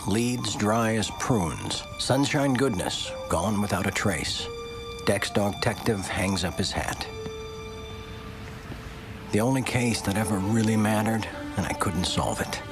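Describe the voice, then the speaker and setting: An actor playing an earnest, heartbroken dog detective in an animated film, with a weary, brooding delivery. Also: male voice, fairly low pitch, slow pace. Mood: grieving, defeated. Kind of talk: animated film character acting. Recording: film music under voice.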